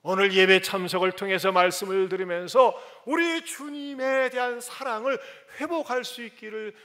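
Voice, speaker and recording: A male pastor preaching a sermon in a church, animated and acting out scenes as he talks. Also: sits high, vocal fry. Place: church sanctuary. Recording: church hall reverb.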